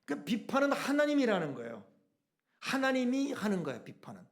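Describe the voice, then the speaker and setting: A man's voice: extremely high pitch, huge pitch swings, brisk. A middle-aged man preaching a sermon as pastor, asking rhetorical questions and acting out quoted speech.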